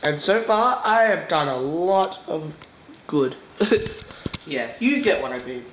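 A man's voice: a little high, animated, slow pace. A young man with a blocked nose and sore throat, rambling and laughing through a casual video diary from home. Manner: rambling, chatty, laughs often. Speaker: vlogger. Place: at home, indoors. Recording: echoey room with background noise.

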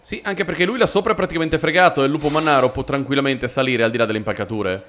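A man giving excitable, joking commentary while playing a horror video game. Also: mid-range voice, very fast, a little hiss or hum. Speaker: gaming video host. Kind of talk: let's play commentary. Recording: voice over loud game music.

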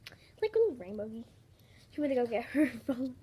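A woman's voice: high voice, sing-song, fairly quick, warm tone, breathy edge. A young girl hosting a casual haul video from her bedroom, filmed on a phone held close, chatty and giggly. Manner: chatty, giggly, restarts often. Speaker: vlog host. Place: small bedroom indoors. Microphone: handheld phone camera close up. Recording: noisy home phone recording.

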